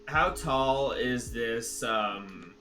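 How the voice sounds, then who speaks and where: A man playing a tabletop game, speaking in a deliberate way. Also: medium pitch, lively intonation, pushed and bright, slight background noise. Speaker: player.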